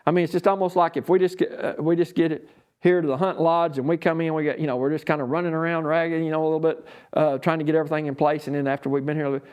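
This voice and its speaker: A man's voice: fairly high pitch, a little mellow. A man with a Southern US accent giving an informal, unscripted hunting lesson in a folksy, rambling way. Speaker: duck calling instructor and champion.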